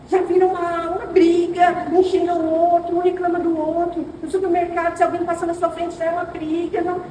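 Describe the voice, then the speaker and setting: A middle-aged woman with a Brazilian accent, teaching a women's church class and telling personal stories while speaking directly to the "sisters" among her listeners. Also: very high voice. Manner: animated storytelling, addressing listeners as sisters. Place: church hall. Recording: roomy hall, far mic, ambient noise.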